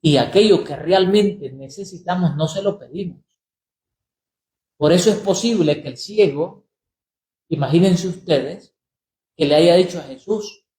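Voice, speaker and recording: A priest giving a sermon, speaking deliberately, repeating phrases and slowing down on key words for emphasis. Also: male voice, on the high side, darkish tone. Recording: roomy echo.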